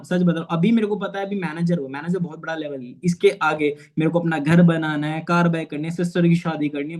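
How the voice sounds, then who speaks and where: With a voice on the high side and a little mellow, a network marketing manager in his twenties motivates listeners over an online meeting. He speaks earnestly and personally, frequently saying "theek hai."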